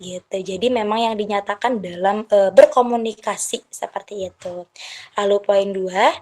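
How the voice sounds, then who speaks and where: A woman's voice: mid-range voice, a little mellow. A woman teacher, methodically walking parents through a numbered checklist in a lecture.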